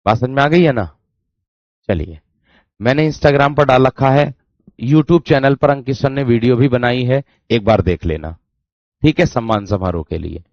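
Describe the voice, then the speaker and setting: A man's voice: medium pitch, measured pace, darkish tone, no room sound. A man teaching a Hindi grammar class online, who keeps addressing students as dear friends and repeats his phrases. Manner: demonstrates sounds aloud, repeating syllables. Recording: dull dry lo-fi sound.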